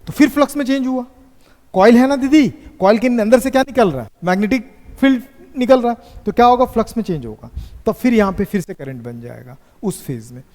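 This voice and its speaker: A man teaching physics in a classroom, asking students questions and dictating notes slowly. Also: extremely high pitch, expressive, darkish tone. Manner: slow dictation. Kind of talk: classroom lecture. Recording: echoey classroom reverb.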